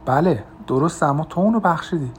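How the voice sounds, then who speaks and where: A man voicing a calm, kind woman friend. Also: on the high side, a little hiss or hum, voice pushed up, lightly acted. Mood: gentle.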